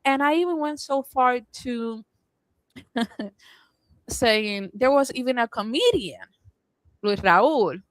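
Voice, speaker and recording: A woman's voice: on the high side, slow, long pauses, no room sound, poor audio. Talkative Puerto Rican woman, dry close sound. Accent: Puerto Rican Spanish. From Puerto Rico. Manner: animated storytelling, laughs often, quotes herself. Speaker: podcast co-host. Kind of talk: casual chat.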